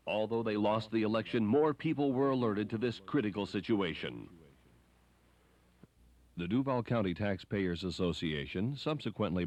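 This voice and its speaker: A man with a fairly low, slightly mellow voice reads scripted documentary narration. The recording is dry and close, with hardly any room sound and no echo.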